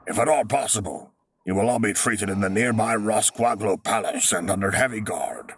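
A man doing a wry, brisk woman medic. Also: lowish voice, husky. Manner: dry, wry delivery. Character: wry female senior medic, brisk and composed.

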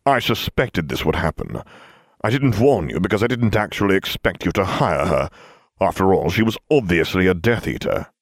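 A man voicing a cold, sneering male potions master in a storybook reading, with a slow, clipped drawl. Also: low voice, big pitch swings, no echo, studio quality, full character voice.

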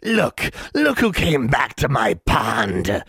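A man voicing a greedy, cackling child-sized pond monster that gloats and turns shrill when angry. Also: huge pitch swings, takes it slowly, a bit bright, slightly rough, no echo, clean studio sound, full character voice. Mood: gloating.

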